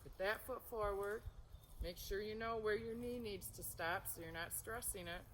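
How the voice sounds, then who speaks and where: A woman instructor giving calm, soothing tai chi cues in short, unhurried phrases that guide movement and breath. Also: medium pitch, slight background noise.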